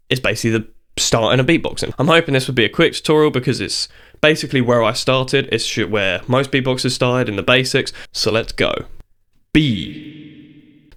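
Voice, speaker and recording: A man's voice: medium pitch, fairly bright tone. A man giving a casual video tutorial on beatboxing. He talks in a chatty, informal way and stops to demonstrate the sounds. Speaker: beatbox teacher.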